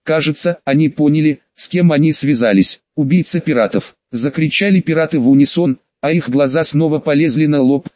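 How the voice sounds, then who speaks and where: A man's voice: fairly high pitch, fairly quick, hardly any pauses, a little mellow, no echo. A man narrating an audiobook in the first person, in a casual, ironic storytelling manner. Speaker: audiobook reader. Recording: dull, dry lo-fi recording.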